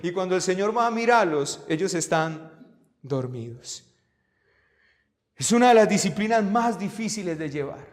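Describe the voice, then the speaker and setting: A man's voice: sits high, lively intonation, moderate pace, long pauses. A man, preaching a sermon earnestly and often addressing the congregation as brothers. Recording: long hall reverb, mic at a distance.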